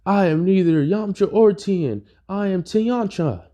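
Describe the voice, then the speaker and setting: Man doing a boastful fused warrior, way up high, loud. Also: measured pace, highs cut off.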